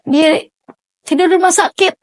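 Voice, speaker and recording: A middle-aged woman telling a personal story in an interview, halting and emotional, with many restarts. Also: very high voice, no echo. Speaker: interviewee, mother of a sick child.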